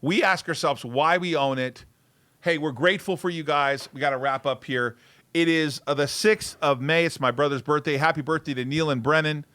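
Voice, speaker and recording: A man hosts a casual livestream, chatting in an excitable, rambling way. His voice is bright and forceful and sits a little high for a man. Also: normal speed. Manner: excitable, rambling, repeats words. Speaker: show host.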